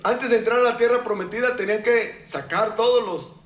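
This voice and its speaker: High-voiced man preaching in an echoey hall. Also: brisk, a bit bright. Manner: conversational, asks the congregation questions, jokes. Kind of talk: sermon. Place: church.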